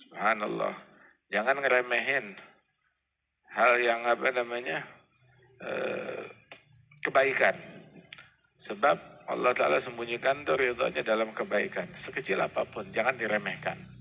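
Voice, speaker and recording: Preacher with gravelly voice. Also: male voice, medium pitch, measured pace, pauses often, bright, forceful tone, lo-fi sound. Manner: conversational, acts out dialogue. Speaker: Islamic preacher. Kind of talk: sermon storytelling. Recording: reverberant hall with faint noise.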